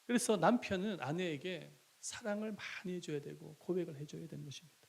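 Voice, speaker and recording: Pastor, man from Gyeongsang Province, slightly high voice, emphatic sermon delivery full of rhetorical questions. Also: fairly quick, vocal fry, darkish tone, slightly rough. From Gyeongsang Province, Korea. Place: church sanctuary.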